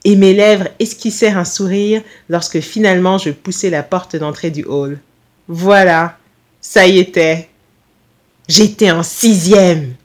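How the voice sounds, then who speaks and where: A woman reads her own first-person short story aloud. Her delivery is calm, measured and reflective, a steady scripted narration. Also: on the low side.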